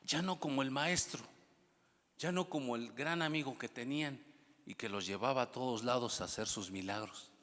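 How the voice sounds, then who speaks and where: A man preaching a sermon as pastor, moving from hushed passages to loud exclamations, with humorous asides and prompts to the congregation. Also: medium pitch, normal speed, big-room sound.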